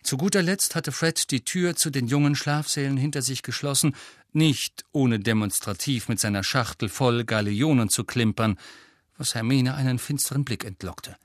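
A man reading an audiobook in a lively way, voicing each character. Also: mid-range voice, moderate pace, dry recording, studio quality. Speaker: audiobook narrator. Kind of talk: scripted audiobook narration.

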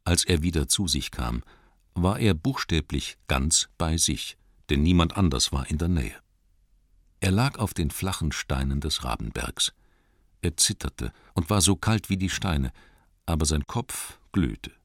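A man reading a storybook aloud in calm, measured narration. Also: very deep voice, dry recording, studio quality. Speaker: audiobook narrator. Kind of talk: scripted narration.

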